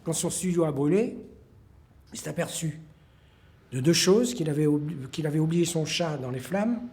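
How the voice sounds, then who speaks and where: A man telling an anecdote in a lively way during a documentary interview. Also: on the high side, moderate pace. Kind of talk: anecdotal storytelling.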